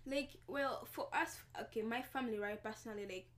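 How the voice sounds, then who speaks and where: A woman's voice: a little high, brisk, a bit bright. Young woman, giggly and chatty. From Congo. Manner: laughing often, heavy use of "like". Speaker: podcast guest, fashion designer. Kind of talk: casual interview chat.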